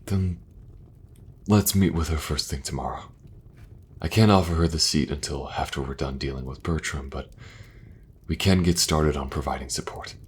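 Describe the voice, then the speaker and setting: A man voicing King Edmund, very deep and earnest. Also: slight background noise. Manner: earnest, halting, soft-spoken. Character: earnest young king, burdened but kind. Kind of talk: fantasy audio roleplay.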